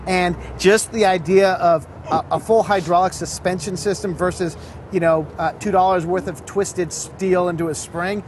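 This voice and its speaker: A man's voice: high-pitched, fairly even intonation, normal speed. A man hosting a casual car show, asking questions with a playful, joking manner, recorded outdoors on a street. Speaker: show host. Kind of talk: casual interview chat. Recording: noisy outdoor street sound.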